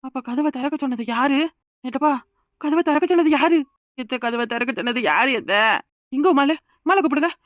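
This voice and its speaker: A woman voicing a frightened young village wife in a cartoon, with a Kanyakumari Tamil accent and a rapid, insistent manner. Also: high voice, dry recording, studio quality, lightly acted. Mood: urgent. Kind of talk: cartoon voice acting.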